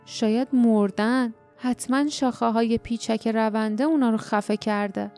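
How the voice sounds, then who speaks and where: Woman reading as Leif, quiet young hero. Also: fairly high pitch, fairly even intonation, soft background music, lightly acted. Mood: quiet resolve. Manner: quiet, steadying. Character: young male hero, brave, trying to stay calm.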